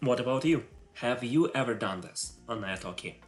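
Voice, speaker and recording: A man whose first language is Russian, speaking English with a Russian accent while thinking aloud on a live coding stream, halting and full of filler sounds. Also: mid-range voice, animated, faint music behind. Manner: halting, many filler sounds, muttering to himself; self-conscious about his English voice.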